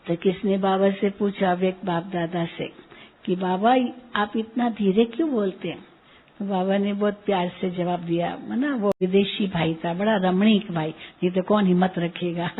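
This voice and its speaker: A middle-aged woman giving a gentle spiritual discourse to a retreat group, asking questions and answering them herself. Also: medium pitch, slightly rough. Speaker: spiritual teacher. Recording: phone-like lo-fi recording.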